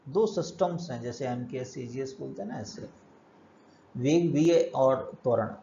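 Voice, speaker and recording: A man's voice: mid-range voice, a little slow, creaky, mellow, muffled recording, a little hiss or hum. A male physics teacher giving a step-by-step lecture, asking and answering his own questions as he works through problems. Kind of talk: classroom lecture.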